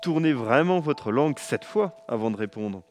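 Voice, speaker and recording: A man voicing a wise grandmother in a storybook reading, measured and instructive. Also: mid-range voice, animated, natural voice. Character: wise, gently scolding grandmother.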